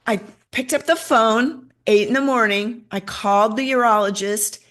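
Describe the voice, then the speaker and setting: A middle-aged woman shares a personal story in an interview. She talks in an animated way, taking on the voices of the people she quotes as she goes. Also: on the high side, normal speed. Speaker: interview guest.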